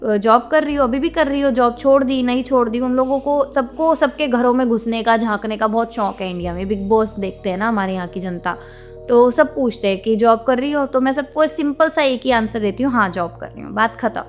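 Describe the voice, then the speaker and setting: Young woman vlogger, higher voice, outspoken and indignant rant, faint music underneath. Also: fairly quick. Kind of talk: venting monologue to camera.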